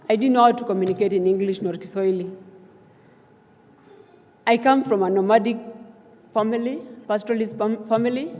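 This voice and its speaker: At a swearing-in ceremony, a young South Sudanese woman newly elected to lead a student association gives an earnest, emphatic acceptance speech, rising to calls of thanks. Her voice is a little high and a little mellow. A large hall adds long reverb.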